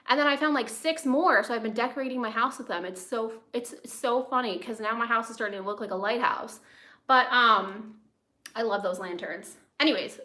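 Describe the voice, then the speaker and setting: A slightly high, pushed, bright voice belongs to an American chef hosting a cooking livestream. Raised in Los Angeles, she talks in a relaxed, rambling way, slipping into asides while cooking, in an echoey indoor space.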